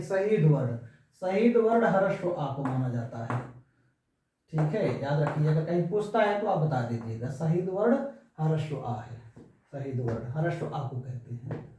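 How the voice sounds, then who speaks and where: Man, teacher, high voice, unhurried, repeats terms, distant mic, very echoey room. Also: warm tone, a little hiss or hum. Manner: repeats key terms, asks and answers his own questions. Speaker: Hindi teacher. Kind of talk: classroom lesson.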